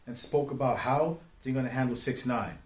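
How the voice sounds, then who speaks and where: Speaking slowly and with emphasis, a male online commentator lays out his opinions in casual street slang, regularly turning to the listener with rhetorical questions. His pitch sits in the middle, and the recording has an echoing, roomy quality.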